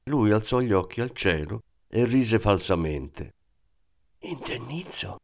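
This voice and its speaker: A man reading a crime novel aloud in measured, even narration. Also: on the low side. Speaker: audiobook narrator. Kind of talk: scripted narration.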